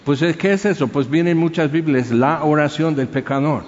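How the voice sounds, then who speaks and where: A man's voice: fairly high pitch, moderate pace, a little mellow. A man preaching a conversational sermon that is full of rhetorical questions. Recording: dull sound with long hall reverb.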